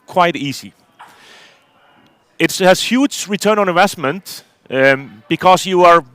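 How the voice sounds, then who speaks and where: A man's voice: fairly high pitch, fairly bright tone, no echo. A middle-aged man from Iceland, giving a technical conference talk from a stage, hesitant with many fillers and restarts. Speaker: conference speaker.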